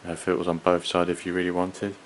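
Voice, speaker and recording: Low, flat-voiced man reviewing gear. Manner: hesitant, halting, rambling. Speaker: gas mask collector and reviewer. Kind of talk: unscripted hands-on product review. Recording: clearly audible background noise.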